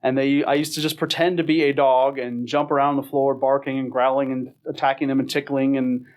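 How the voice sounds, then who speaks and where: A middle-aged man talking casually as a podcast co-host. His pitch sits in the middle, and he jokes about himself with a wry, self-mocking edge. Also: little pitch movement, a little fast, darkish tone. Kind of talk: casual chat.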